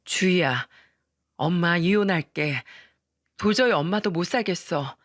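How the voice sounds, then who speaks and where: A woman's voice: fairly low pitch, lively intonation, normal speed, dry recording, clean studio sound. A woman voicing a long-suffering mother who turns fierce in defense of her children, in a dramatized radio story. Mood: sad gentle. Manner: sharp, scolding outbursts.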